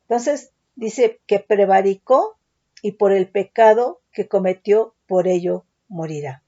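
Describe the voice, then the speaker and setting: A woman's voice: mid-range voice, takes it slowly, warm tone. A woman teaching a Bible study, explaining word meanings step by step and often checking in with her listeners. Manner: explains words step by step, asks "¿sí?" and "¿verdad?" often. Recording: dull lo-fi recording.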